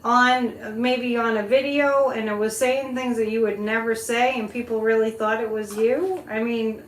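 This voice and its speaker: A woman's voice: on the high side, steady tone, normal speed. A woman hosting a casual psychic live stream, talking conversationally and directly to her viewers. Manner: conversational, addresses listeners directly. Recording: roomy echo, background noise.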